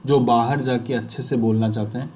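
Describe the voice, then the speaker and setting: A man with an Indian accent coaching people who stammer, mixing Hindi and English and reading English sentences one word at a time with pauses. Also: mid-range voice, steady tone, a little mellow, slight background noise. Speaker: speech fluency coach. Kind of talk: slow instructional demonstration.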